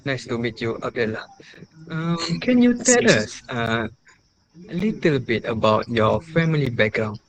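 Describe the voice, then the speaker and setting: A man, leading a formal class interview in a hesitant way, pausing often on ums. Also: mid-range voice, expressive, poor audio. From Malaysia. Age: 20s. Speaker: student interviewer.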